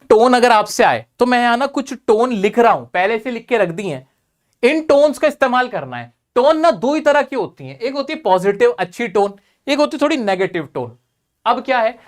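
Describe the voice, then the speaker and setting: A man teaching an exam-prep class, repeating key points and quizzing his students. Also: high voice.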